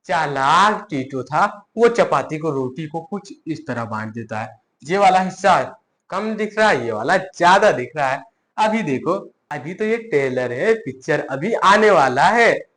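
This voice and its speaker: Male teacher, high-pitched voice, animated storytelling, keeps quizzing the kids. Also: measured pace. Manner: animated, asks the listeners questions. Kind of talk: storytelling math lesson for children.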